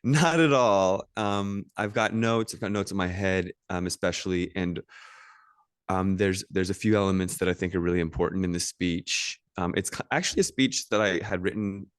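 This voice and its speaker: An American man with a low, smooth and resonant voice, talking loosely as a podcast guest. He rambles, backtracks and fills pauses with "um." The sound is dry and close. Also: dry recording. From United States. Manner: rambling, with many fillers and restarts. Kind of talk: casual podcast conversation.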